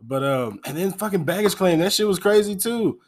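A man co-hosting a podcast, telling travel stories in a casual, profane, animated way and laughing often. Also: high-pitched, brisk. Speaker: podcast co-host. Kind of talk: casual chat.

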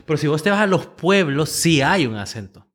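Rapid Honduran male co-host, higher voice, drops English phrases. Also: animated. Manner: quick, mixes in English phrases. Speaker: podcast co-host. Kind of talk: casual chat.

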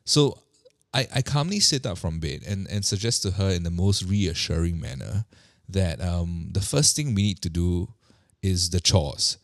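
A man in his thirties with a notably low voice, telling a personal story in a relaxed, chatty way. He often stumbles and repeats words as he restarts a thought, with a wry, self-deprecating tone. The recording is close and dry, with no room sound. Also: measured pace, dry recording.

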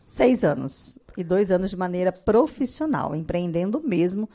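A woman's voice: on the low side, normal speed. A woman from Brazil in her thirties chats as a podcast guest. She tells her stories with energy and puts on a raised voice when she quotes others. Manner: animated storyteller, acts out quotes in a raised voice. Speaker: guest, artisan biscuit maker. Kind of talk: casual podcast interview.

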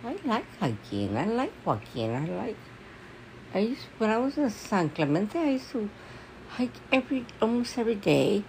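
A woman with toothless, gummy articulation, as if gumming soft food, rambling in a halting, repetitive, confiding monologue. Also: medium pitch, big pitch swings, gravelly, a little hiss or hum, low-quality recording. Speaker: personal podcaster. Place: at home.

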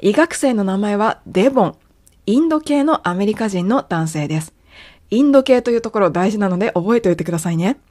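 A woman whose native language is Japanese, hosting an English lesson podcast, explaining and slowly modeling English phrases. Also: medium pitch, animated, mellow. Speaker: English teacher.

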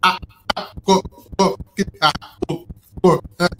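A man's voice: high-pitched, steady tone, slow, fairly bright tone. A man joking around as co-host on a live online chat, his voice coming through a video call that keeps cutting in and out. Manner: joking, playful banter. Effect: choppy online audio, sound cutting in and out. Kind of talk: casual chat. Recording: noisy, choppy video-call audio.

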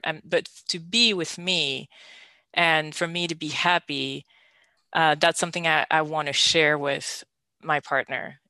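Speaking in a low, pushed and bright voice, a woman from Belgium discusses her romantic life candidly on her podcast. She laughs often and keeps starting her sentences over. The recording is dry.

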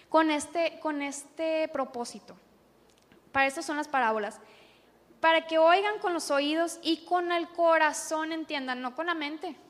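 A woman's voice: high voice, fairly bright tone. A woman preaching a sermon, teaching her listeners and asking them questions, with frequent restarts. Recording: long hall reverb with faint music.

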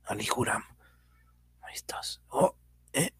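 A man playing a solemn, brave hero of a mystery radio serial, with hushed, intense asides. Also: medium pitch, normal speed, husky, no echo, clean studio sound. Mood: hushed, grave. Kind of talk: radio drama acting.

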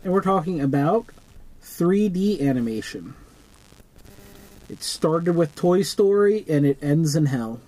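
A man's voice: fairly high pitch, animated, a little slow, long pauses, warm tone, rough recording. A man co-hosting a podcast, chatting casually and joking at his own expense. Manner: laughing through hiccups, self-mocking. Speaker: podcast co-host. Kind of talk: casual chat.

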